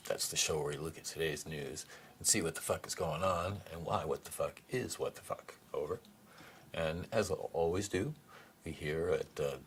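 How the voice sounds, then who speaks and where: A man with a very low voice hosts a one-man political commentary podcast. He is sarcastic and profane, piling up mocking rhetorical questions. He drops to mutters, then springs up in sudden high-pitched outbursts of disbelief, with a faint hum of room noise behind him. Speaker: podcast host.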